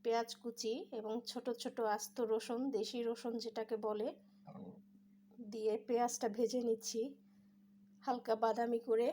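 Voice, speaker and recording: A woman calmly narrating her home cooking step by step as host of a cooking channel. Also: a little high, normal speed, long pauses, slight background noise. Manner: calm step-by-step instructions.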